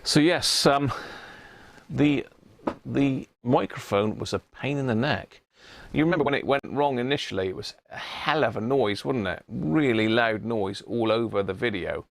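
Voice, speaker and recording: Wearing a wireless body-pack microphone, the English host of a radio hobby live stream, a middle-aged man, rambles casually while demonstrating equipment and thinking out loud. He speaks at a moderate pace in a creaky, medium-pitched voice, with no room sound.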